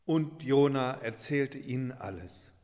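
A man telling a Bible story to children in a slow, dramatic storytelling manner. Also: medium pitch, a little mellow, in a large hall. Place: church.

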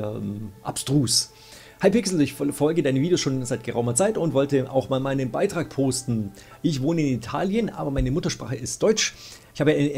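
A young man hosts a weekly game show from a desk in a small indoor room, casually fielding viewer questions and thinking out loud with many fillers. The chat is informal, and his mid-range voice is creaky and a little mellow.

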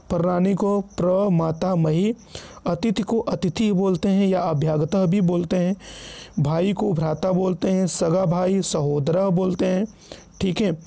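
Man, high-pitched voice, dark mellow tone, exam-prep vocabulary teacher, steady list reading. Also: gravelly. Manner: repeats "ठीक है" as a check-in, self-corrects.

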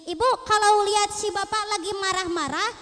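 A woman's voice: extremely high pitch, fairly even intonation, a little fast, bright, forceful tone. A woman preacher, playfully teasing the audience in a call-and-response sermon. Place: large hall at a religious event. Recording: echoey hall.

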